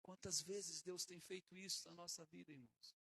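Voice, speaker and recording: Man, preacher, high voice, bright tone, emphatic delivery. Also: fairly even intonation, normal speed, creaky, breathy edge, no room sound, rough recording. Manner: emphatic, swings between hushed and loud. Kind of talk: sermon.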